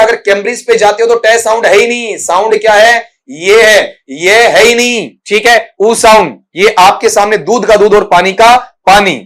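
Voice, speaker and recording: A man's voice: high-pitched, fairly bright tone. A man teaching an exam-prep English lesson, patiently answering student questions while writing out examples and addressing students affectionately. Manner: patient, repetitive, addresses students as "beta" and "bachcha".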